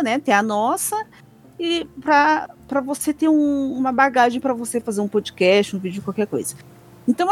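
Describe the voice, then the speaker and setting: A woman speaks with a Brazilian Portuguese accent in a casual podcast chat. Her delivery is emphatic and indignant, with frequent restarts and repeated points. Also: medium pitch.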